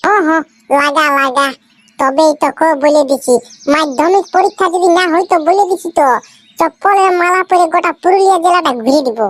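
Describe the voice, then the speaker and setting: In a comic cartoon, a performer plays an excitable, nagging teenage schoolboy who speaks insistent rustic slang in a Purulia accent from West Bengal. The voice is very high and brisk, and the recording is dry.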